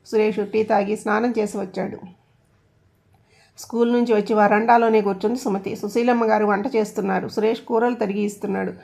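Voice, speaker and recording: A woman reading a family story aloud as narrator, even and measured. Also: medium pitch, creaky.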